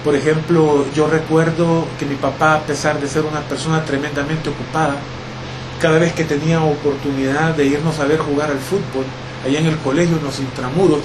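A middle-aged man from El Salvador, answering interview questions in a reflective, relaxed way with many pauses and fillers. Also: on the high side, noisy background.

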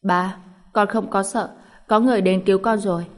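A woman's voice: medium pitch, fairly even intonation, moderate pace, lightly acted. A woman voicing a spoiled, playful young girl who is clingy and sly, with a whiny pleading tone. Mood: coaxing.

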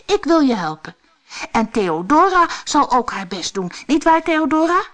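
Woman voicing Brammetje Braam, a bright eager little guy. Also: moderate pace. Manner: bright, excited storybook voice, high-pitched. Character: cheerful little male forest creature, eager helper. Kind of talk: audiobook character voice.

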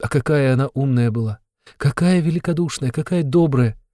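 A man's voice: mid-range voice, brisk, darkish tone, no room sound, studio quality, voice pushed up, lightly acted. A man voicing a frightened, timid young woman who speaks in a plaintive, trembling way. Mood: anguished.

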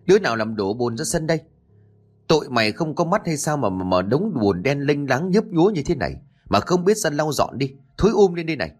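A man voicing a shrill, scolding middle-aged mistress who shrieks and nags. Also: lively intonation, rapid-fire, few pauses, breathy edge. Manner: shrieking, nagging.

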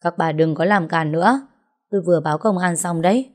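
A woman's voice: on the low side, brisk, a little mellow, close to an everyday voice. A woman narrator voicing a young woman who pretends to be stern to break up a fight. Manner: firm, mock-stern. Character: young woman storyteller stepping in, feigning authority. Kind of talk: audiobook story reading.

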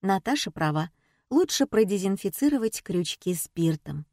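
A woman narrating an audiobook in the first person, with an even, wry telling. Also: medium pitch, moderate pace, no echo, clean studio sound.

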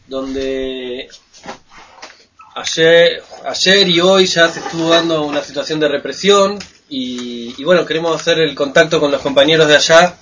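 A man's voice: on the high side, measured pace, a bit bright, a little hiss or hum. A man hosting a radio talk show, speaking informally and restarting words. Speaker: radio host.

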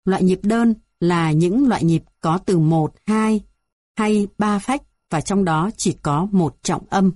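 Mellow woman reading a textbook. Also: fairly low pitch, no room sound, studio quality. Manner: even, measured reading of numbered items. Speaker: narrator reading a music theory textbook. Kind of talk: scripted textbook narration.

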